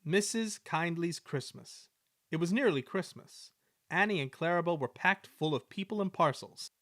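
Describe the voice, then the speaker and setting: A man giving an expressive reading of a children's story. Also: on the high side, moderate pace, no echo, clean studio sound. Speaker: storybook reader. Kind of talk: scripted narration of a children's story.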